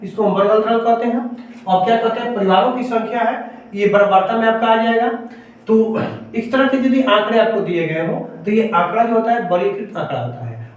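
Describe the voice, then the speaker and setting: Echoey, distant male teacher. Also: high-pitched. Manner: explains step by step, asks and answers his own questions. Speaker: math teacher. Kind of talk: classroom math lesson. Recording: echoey room, voice far from mic.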